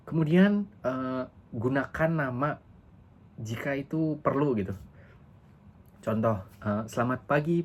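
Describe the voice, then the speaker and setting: A young man teaching a junior high class in a casual, chatty way, full of small fillers and quick asides. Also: slight background noise. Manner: chatty, leans on fillers like "gitu" and "kayak"; sings slow demo lines. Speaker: English teacher.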